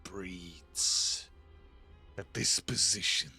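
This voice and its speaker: Brief: man doing grinning lowborn brute, half-whispered menace, deep and slow. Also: fairly even intonation, vocal fry, bright, forceful tone, breathy edge, faint music behind, heavily acted. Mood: ominous.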